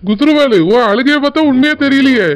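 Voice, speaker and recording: A woman's voice: high voice, brisk, a little hiss or hum, close to an everyday voice. A woman voicing a gullible, patient young husband in a cartoon, with a Tirunelveli Tamil accent. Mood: questioning. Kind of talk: cartoon voice acting.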